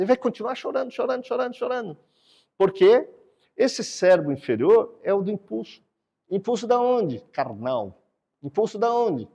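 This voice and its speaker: Lively man preaching in an echoey hall. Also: fairly high pitch, breathy edge. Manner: animated, explanatory, repeats words for emphasis. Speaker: speaker teaching brain science and faith. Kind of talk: sermon-like talk with a drawing.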